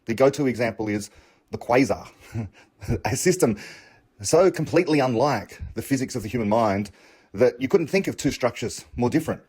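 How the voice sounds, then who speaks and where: An Englishman thinks aloud in an unscripted monologue about learning and understanding, arguing reflectively and often posing rhetorical questions. His mid-range voice is husky and a little mellow, with lively intonation at a moderate pace.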